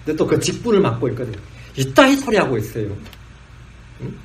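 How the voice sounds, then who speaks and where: A pastor with a high-pitched voice delivers a blunt, scolding sermon. He acts out little exchanges between drinkers and churchgoers, dropping into coarse slang and breaking into laughter as he mocks them. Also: huge pitch swings, brisk, slight background noise.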